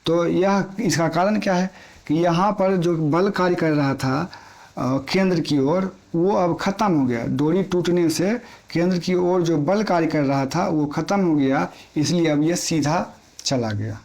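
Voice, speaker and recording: A man's voice: a little high, a little slow, creaky, a little mellow. A man teaching an exam-prep physics lesson in plain everyday Hindi, repeating key points and asking questions he answers himself.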